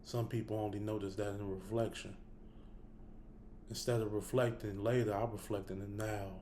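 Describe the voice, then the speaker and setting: A man's voice: lowish voice, level tone, moderate pace, warm tone, slight background noise. A man talking casually and bluntly to his listeners, cursing freely and thinking aloud, with the hiccups. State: has the hiccups. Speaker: host. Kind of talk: casual spoken reflection to camera.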